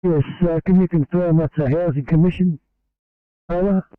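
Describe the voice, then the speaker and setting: Australian male fire officer on a two-way radio, clipped procedural delivery, smooth voice, thin radio sound. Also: fairly high pitch, fairly even intonation, moderate pace, no room sound. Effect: over a two-way radio. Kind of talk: radio call. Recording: tinny two-way radio channel.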